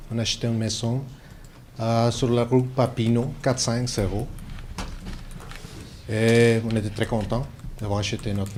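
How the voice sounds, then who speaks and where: Man with foreign-accented French, halting delivery. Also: mid-range voice, a little mellow. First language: not French. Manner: halting, hesitant phrasing with repeated words. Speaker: resident addressing city council. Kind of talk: public statement at a council meeting. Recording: faint noise, live meeting room.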